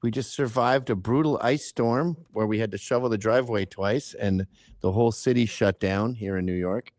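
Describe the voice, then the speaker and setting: This fifties-aged Canadian podcast guest is a profane, joking storyteller who rambles through tales on a laid-back livestream chat. The studio-quality audio carries no echo, and his lowish, slightly mellow voice moves at a moderate pace.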